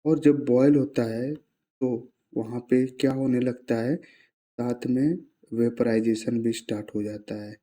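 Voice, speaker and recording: A man's voice: medium pitch, steady tone, unhurried, warm tone. A man, teaching science in a casual classroom-style explanation, asking himself rhetorical questions and mixing in English terms.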